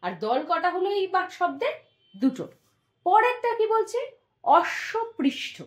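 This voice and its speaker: A woman teacher explaining a school lesson patiently, slowly drawing out example words as she demonstrates. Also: very high voice, sing-song, echoey room.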